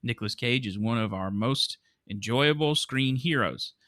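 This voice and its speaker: A man's voice: medium pitch, moderate pace, a bit bright, no room sound, studio quality. A man hosting a movie podcast, chatting casually and laughing often. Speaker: podcast host.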